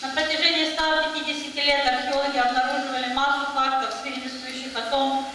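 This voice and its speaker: Female consecutive interpreter for a lecture. High-pitched voice, live hall recording with clear noise. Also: flat delivery, fast. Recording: echoey hall, distant mic, noisy.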